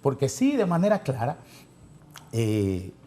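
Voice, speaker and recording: A man's voice: medium pitch, wildly swooping pitch, takes it slowly, dark tone, a little hiss or hum. A man on a debate panel, talking in an insistent, argumentative way and repeating himself as he presses his point. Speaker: panel guest.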